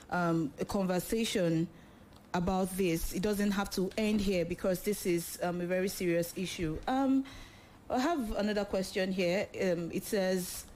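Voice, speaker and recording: A woman hosting a radio talk show, laughing often and filling pauses with "um" while she reads out listeners' questions. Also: fairly low pitch, darkish tone, a little hiss or hum. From Nigeria. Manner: laughs often, many fillers. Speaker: host.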